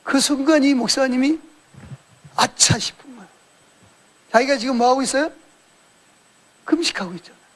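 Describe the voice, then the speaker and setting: A man's voice: extremely high pitch, a little fast, long pauses. A male pastor preaching a sermon in a colloquial storytelling way, acting out quoted dialogue as he retells events.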